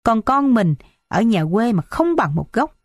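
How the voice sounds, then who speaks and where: A woman voicing a stern, irritable old village patriarch in an audiobook, gruff and scolding. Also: on the high side, sing-song, a little slow, no room sound, studio quality. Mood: angry.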